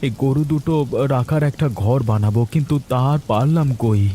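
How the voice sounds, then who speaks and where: A man's voice: mid-range voice, a little fast, mellow, slight background noise, natural voice. A man voicing a poor, kind-hearted ox-cart driver in a cartoon, earnest and worried. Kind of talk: Bengali cartoon voice acting.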